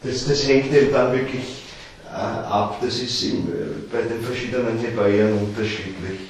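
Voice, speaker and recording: A man giving an explanatory lecture to a small group, often halting and repeating words as he explains. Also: mid-range voice, steady tone, slight background noise. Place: lecture room with listeners. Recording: very echoey room.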